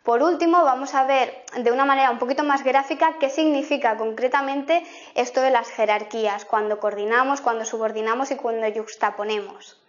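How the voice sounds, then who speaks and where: A woman teacher explaining grammar in a lesson, repeating example sentences slowly to make each point. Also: a little high, lo-fi sound. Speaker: language teacher.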